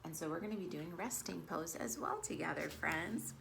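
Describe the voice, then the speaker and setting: Reading a picture book to young children during a virtual storytime at home, a yoga teacher and storytime host speaks to them directly, addressing them as friends. Her voice is low-pitched, gravelly, and a bit bright at a moderate pace, with a little hiss or hum audible.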